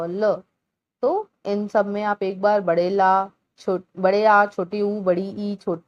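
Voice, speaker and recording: A woman teacher slowly walking young children through a Hindi workbook lesson, sounding out syllables clearly one by one. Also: medium pitch, dry recording, muffled recording. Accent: Indian Hindi.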